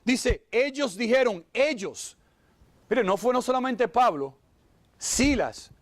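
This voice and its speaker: This slow-paced sermon comes from a high-pitched pastor whose lively delivery is packed with exclamations like "wow." He turns to ask listeners pointed questions and acts out short voices of Bible figures, all on a dry recording.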